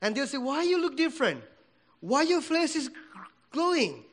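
A Nepali-accented preacher from Nepal, not a native English speaker, delivers a church sermon at a moderate pace in a very high-pitched, sing-song voice. He swings from loud declarations down to soft prayer.

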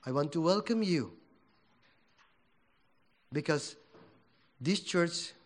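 Preaching in a church, a man from Nepal uses English as a second language and carries a Nepali accent, alternating loud declarations with soft prayer. His slightly high voice is expressive, and he takes his time.

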